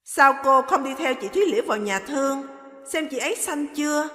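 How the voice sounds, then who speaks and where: A woman's voice: high voice, animated, fairly quick, a bit bright, soft background music, pitched above the performer's own voice. A woman doing a concerned questioning young wife. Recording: echoey hall reverb.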